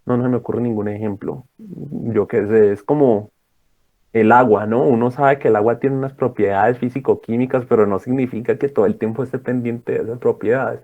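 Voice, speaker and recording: A man's voice: medium pitch, steady tone, moderate pace, phone-quality sound. A young man tutoring students in a casual lecture, rambling and checking in with his listeners.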